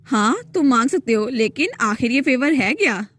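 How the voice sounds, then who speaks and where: A woman's voice: fairly high pitch, animated, normal speed, a bit bright, no room sound, clean studio sound. A woman voicing a kind young heroine who soothes and reasons patiently in a storybook recap. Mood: firm. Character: kind young heroine, gentle big-sister type.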